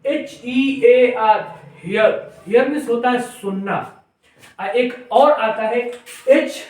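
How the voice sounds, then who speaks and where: A man teaching an English grammar lesson at a whiteboard, his voice fairly high. He spells each word out letter by letter before explaining it at an unhurried pace. He sounds a little distant from the camera, and the bare room adds heavy echo. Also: a little mellow. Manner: spells words out letter by letter, then explains slowly. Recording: very echoey room, voice off-mic.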